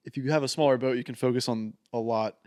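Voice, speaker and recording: Young guy guest on a podcast, laid back, kinda halting, dry close sound. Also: medium pitch, fairly even intonation, a little mellow, dry recording. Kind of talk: casual chat.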